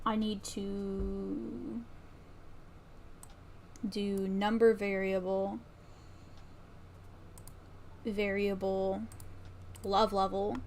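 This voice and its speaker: Extremely slow and pausing often, this streamer muses aloud as she works, frequently leaving thoughts unfinished. Her medium-pitched voice barely moves and sounds a little mellow, with faint noise, typing and mouse clicks behind her.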